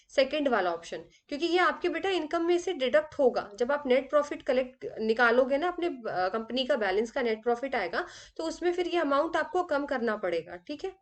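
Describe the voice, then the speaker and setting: A woman teaching an exam revision lesson. She reads English questions slowly, then explains them in Hindi with everyday examples. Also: sits high. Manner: explains with everyday examples, calls students "beta".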